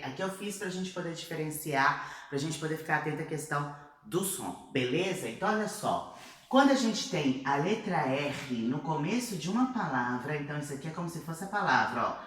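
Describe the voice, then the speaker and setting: A Brazilian woman with a Brazilian Portuguese accent, teaching an online Spanish lesson in a patient, encouraging way and checking in often with her students. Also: deep voice. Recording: very echoey room.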